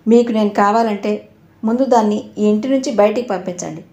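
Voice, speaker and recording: A man's voice: high voice, brisk, a little mellow, muffled recording. A woman voicing a harsh older brother who speaks sarcastically and scolds. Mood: scornful. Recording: roomy echo.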